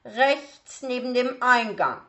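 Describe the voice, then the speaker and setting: A woman's voice: on the high side, lively intonation, slow, fairly bright tone, voice pushed up, exaggerated voice. A woman voicing a strict older female piano teacher, cool and clipped. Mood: stern.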